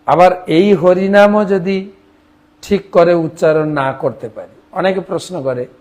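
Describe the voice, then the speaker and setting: A man preaches a devotional sermon in an unhurried, measured way. His voice sits a little high for a man. He slips into a lilting chant of the mantra and playfully copies other regions' pronunciations. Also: a little mellow. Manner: chants the mantra in a singsong rhythm between spoken teaching.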